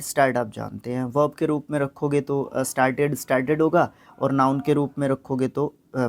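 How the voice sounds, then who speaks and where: A man giving a vocabulary lesson, patiently explaining word meanings. His voice sits at an ordinary middle pitch, and he repeats and sounds out difficult words piece by piece, dropping in brief fillers as he goes. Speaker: vocabulary teacher.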